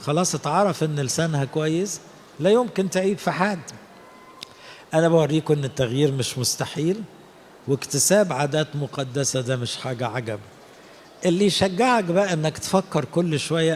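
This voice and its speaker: A man's voice: a little high, a little fast, a little mellow, big-room sound, a little hiss or hum. A man with an Egyptian Arabic accent, a priest preaching a sermon and telling stories in which he acts out the people he quotes. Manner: storytelling, acting out quoted people. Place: cathedral.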